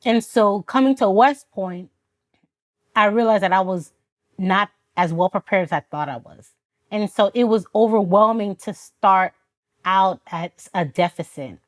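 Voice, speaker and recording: A mid-range female voice, a little slow. The speaker, an Army officer from Florida, United States, who grew up speaking Haitian Creole first, is a podcast guest recounting her story with earnest reflection, frequent laughter, and quoted exchanges.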